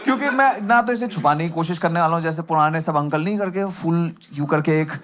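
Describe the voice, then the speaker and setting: A man's voice: on the high side, a little fast. A young man performing a stand-up comedy set, self-mocking and conversational, acting out other people's lines. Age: young adult. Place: comedy club stage with live audience. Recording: loud audience laughter and noisy room.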